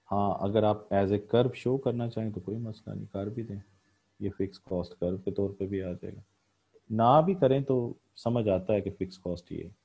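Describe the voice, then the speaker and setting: A man's voice: on the low side, normal speed, gravelly, breathy edge, dull audio. A man giving a recorded economics lecture, explaining a graph step by step with frequent "uh" fillers and repeated pointing words.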